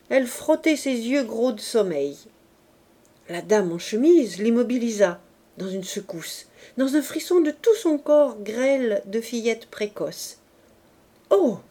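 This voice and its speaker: Woman narrator for a classic novel, slow and warm. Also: a little high. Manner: slow, measured reading. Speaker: audiobook reader.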